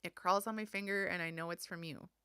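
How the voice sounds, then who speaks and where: Soft-spoken woman, bright tone. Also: fairly low pitch, fairly even intonation, quick pace, smooth, no echo, studio quality. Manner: soft, heartfelt, tender storytelling. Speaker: podcast host. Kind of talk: solo podcast chat.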